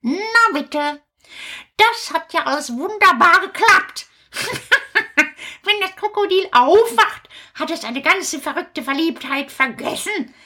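A woman voicing a friendly, helpful witch in a children's puppet show, brisk and reassuring. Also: very high voice, lively intonation, sharp tone, voice pushed up, exaggerated voice. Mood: pleased.

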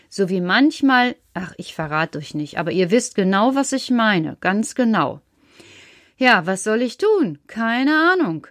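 A woman narrating a children's story in first person, animated and speaking directly to young listeners. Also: mid-range voice, no room sound, clean studio sound.

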